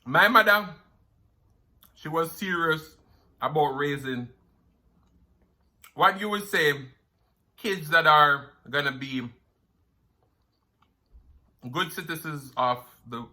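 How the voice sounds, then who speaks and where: A man's voice: fairly high pitch, takes it slowly, long pauses, sharp tone. A man with a Jamaican accent chatting casually as a mukbang host, eating crunchy fried chicken between savoring mms. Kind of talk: casual eating-show chat.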